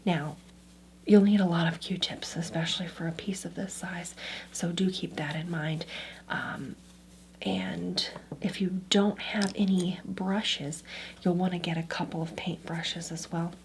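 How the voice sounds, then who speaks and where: A woman speaks in a low-pitched whisper, in an ASMR role-play as an antiques appraiser. She gently walks through instructions step by step, repeating small words softly. Clear background noise sits behind her voice. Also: fairly even intonation, measured pace.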